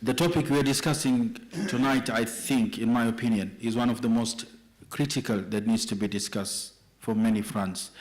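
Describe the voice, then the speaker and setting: At an evening panel discussion, a middle-aged man from Kenya speaks as a respondent, chatting and joking with the audience. His voice is fairly low and somewhat dark.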